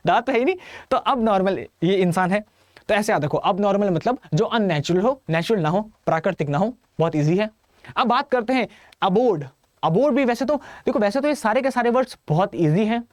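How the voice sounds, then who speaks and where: A man's voice: high-pitched, darkish tone, no echo. Playful Indian male tutor, exam-prep lesson, close dry mic. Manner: playful, chatty, addresses students directly. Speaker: English vocabulary teacher.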